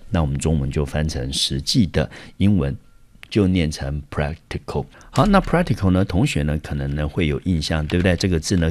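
A man's voice: very deep voice, a little mellow. A man from Taiwan teaching English vocabulary, explaining words step by step in a patient classroom manner. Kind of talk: vocabulary lesson.

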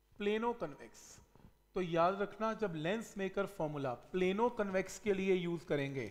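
A middle-aged man gives a physics lesson at a whiteboard in a high voice. He asks a question and then answers it himself, hitting the key word with weight. A long reverb trails after his words. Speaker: physics teacher. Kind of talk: whiteboard lecture. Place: classroom studio at a whiteboard.

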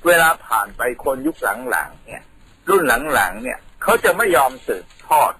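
A man's voice: medium pitch, very animated, moderate pace, bright, forceful tone, husky, poor audio. A man from Thailand, a radio guest patiently explaining things in a studio, telling them like a story.

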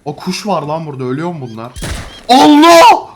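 A young man giving casual, foul-mouthed gaming commentary to a friend, excitable and full of exclamations. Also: fairly high pitch, rapid-fire, a little hiss or hum. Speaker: gamer recording a co-op video.

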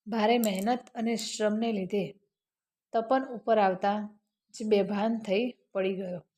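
A woman reading a moral story aloud in a measured, scripted way. She takes her time, and her voice sits a little high. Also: darkish tone.

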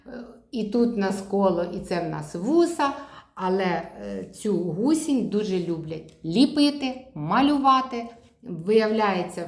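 Chatty speech therapist woman, echoey room. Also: lowish voice. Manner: models syllables with slow, stretched repetition; chatty, explains while showing toys. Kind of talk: demonstration lesson.

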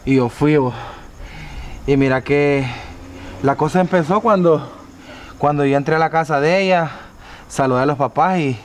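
A man's voice: fairly high pitch, normal speed, pauses often, a little hiss or hum, lightly acted. An actor playing a nervous young boyfriend in a comedy sketch, speaking with a Honduran accent and rambling through his story in slang. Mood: flustered. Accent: Honduran Spanish.

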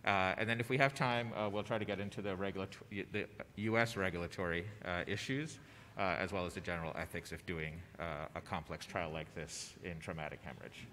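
A man introducing a conference talk through a face mask, speaking up and hesitating with frequent pauses. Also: low voice, fairly even intonation, pushed and bright. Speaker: conference presenter. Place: large indoor presentation room. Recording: reverberant hall, clear background noise.

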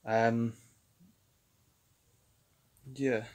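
A young car restoration vlogger in his twenties talks extremely slowly in a mid-range voice while working on a car in his home garage. Filmed on a handheld phone, his casual narration is relaxed and rambling, with many fillers and restarts.

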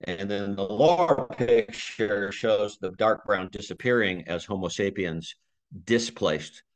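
Casting note: man, lowish voice, easygoing lecturer walking through slides, chuckles now and then. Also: slow. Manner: conversational, thinks aloud with restarts and small laughs. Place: community talk room.

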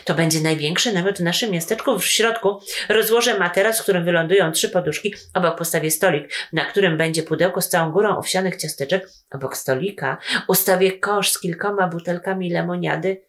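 A woman's voice: fairly low pitch, fairly quick, few pauses, close to an everyday voice. Woman doing a boastful boy, rattling off big promises, storybook reading. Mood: proud. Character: boastful boy brother building paper planes.

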